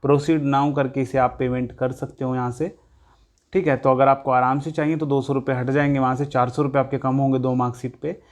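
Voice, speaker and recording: A man talks students through an online form in a casual tutorial. He keeps a fairly level, even tone with little rise and fall, pausing to hesitate now and then. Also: mid-range voice. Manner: plain explanatory talk with hesitations, addresses students directly. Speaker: tutorial presenter. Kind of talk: casual screen-recorded walkthrough.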